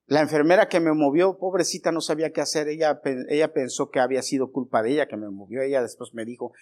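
A man's voice: on the high side, fairly even intonation, quick pace. A male pastor giving a storytelling sermon, addressing the congregation as brothers and growing emphatic as he preaches. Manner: personal anecdote, addresses congregation as brothers, grows forceful and emphatic.

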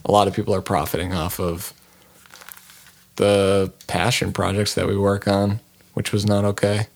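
A man's voice: lowish voice, level tone, moderate pace, vocal fry. A man who is an artist, co-hosting a casual podcast and often restarting his phrases as he talks.

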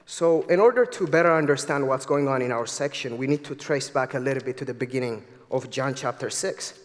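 With a mid-range voice and a fairly quick delivery, an Ethiopian-accented man in his twenties preaches earnestly and eagerly as a guest in a church sanctuary. A long reverb tail follows him.

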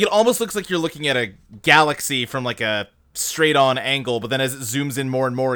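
Bright, clear-voiced man chatting. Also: medium pitch. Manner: animated, rambling with lots of "like". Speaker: podcast co-host. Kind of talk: casual movie discussion.

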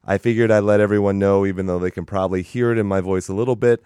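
A man's voice: on the low side, steady tone, fast, dark tone, clear, resonant tone, no echo. A young adult man hosting a podcast in casual chat, congested from sinus trouble, with a dry, self-mocking humor. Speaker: podcast host.

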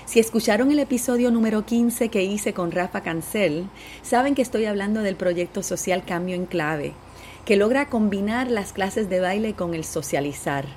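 A woman's voice: mid-range voice, expressive, normal speed, a little mellow. A Puerto Rican woman talks straight to her listeners in a chatty, upbeat monologue. Her voice sits in a middle register. A faint hiss runs beneath it. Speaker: podcast host. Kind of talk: personal podcast intro monologue.

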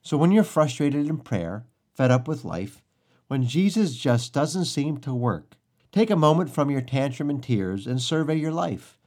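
A middle-aged man preaching a devotional sermon, earnest and measured, repeating key lines for emphasis. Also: medium pitch, sing-song, a little mellow.

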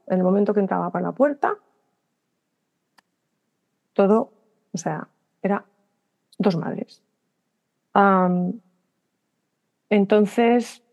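A middle-aged woman from Spain speaks with a Spanish accent as a podcast guest, in a mellow, warm voice with a good deal of vocal fry. She tells her stories in quick bursts, breaking off to correct herself, and plays out the voices of people she remembers talking with. Her pitch sits in the middle range for a woman. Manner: lively storyteller acting out remembered dialogue; talks in quick bursts with restarts and self-corrections. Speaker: guest writer. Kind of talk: podcast interview conversation.

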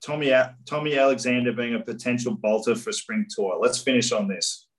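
A man with a medium-pitched voice chats casually as a podcast co-host. He is matey with a dry sense of humour. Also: fairly even intonation, brisk, rough recording.

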